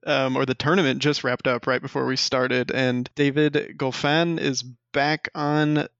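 Relaxed male podcast co-host, dull mic. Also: mid-range voice, unhurried, vocal fry, no room sound. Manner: relaxed, joking, loose. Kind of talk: casual sports podcast chat.

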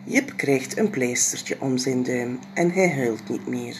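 Slow, expressive woman reading to children. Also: very deep voice, background noise. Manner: expressive, slipping into soft whispers. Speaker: storyteller. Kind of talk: children's story read-aloud.

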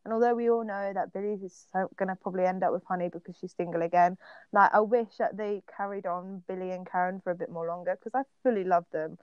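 A woman's voice: mid-range voice, steady tone, fast, smooth, no echo, dull audio. Giggly young woman podcast co-host. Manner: giggly, enthusiastic, gushing. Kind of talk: casual chat.

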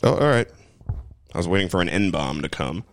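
A man's voice: sits low, animated, fairly quick, faint music behind. A young man, a comedian hosting a casual chat with strangers, joking, swearing and laughing often. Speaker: comedian host of an online video chat stream.

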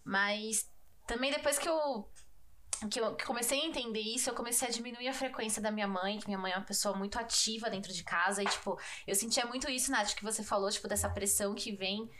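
A woman's voice: a little high, quick pace, sharp tone, slight background noise. Slangy São Paulo woman chatting. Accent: São Paulo Brazilian Portuguese. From São Paulo state, Brazil. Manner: slangy, fills speech with "tipo" and "né". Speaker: podcast co-host. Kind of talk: casual chat.

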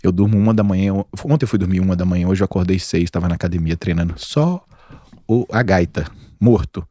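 A man's voice: deep voice, a little fast, no room sound. A man in his forties with a Brazilian Portuguese accent, a doctor chatting casually and telling stories with slangy emphasis. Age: 40s. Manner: animated storyteller, slangy and emphatic. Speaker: doctor guest. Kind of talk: casual podcast chat.

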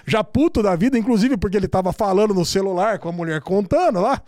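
Brazilian podcast host, male, high voice, dry close sound, animated swearing storyteller. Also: fast talker, no room sound. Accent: Brazilian Portuguese. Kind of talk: casual podcast chat.

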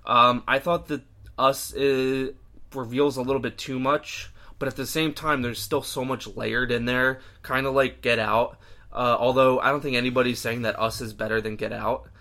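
A man's voice: medium pitch, fairly even intonation, normal speed, pushed and bright. A young man co-hosting a podcast, chatting casually and enthusiastically about films with a friend. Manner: enthusiastic, opinionated, uses many fillers. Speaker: podcast co-host. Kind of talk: casual chat.

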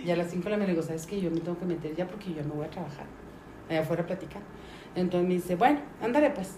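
Racing along in a low-leaning voice, the middle-aged woman with a Mexican accent tells a casual story on a podcast. She livens it up by acting out the voices of the people in it, and the roomy recording has faint background noise.

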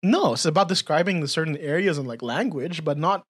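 Her voice is low, husky and expressive, and she talks at a brisk clip. A podcast co-host and content creator in her twenties with a slight Filipino accent, she chats casually and drives her points home emphatically.

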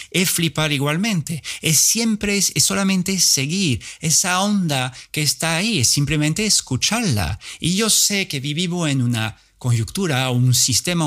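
A man talking casually as an intuition coach, animated and slangy, swearing freely. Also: on the high side. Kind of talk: casual motivational monologue.

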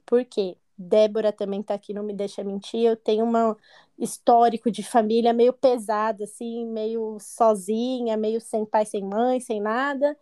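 Speaking at a normal pace with a flat delivery, a woman in her 20s openly recounts a personal experience during an interview, frequently voicing the words of others. Her fairly high voice is warm, clear and resonant.

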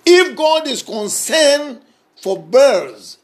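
A man preaching a sermon, emphatic and repetitive, swinging between raised passages and soft, intimate ones. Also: very high voice, big pitch swings, drawn-out words.

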